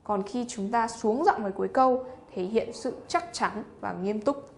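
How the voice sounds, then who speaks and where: Slow-talking woman teacher. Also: a little high, vocal fry. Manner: explains slowly, switching between English and Vietnamese. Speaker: English teacher. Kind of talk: bilingual classroom instruction.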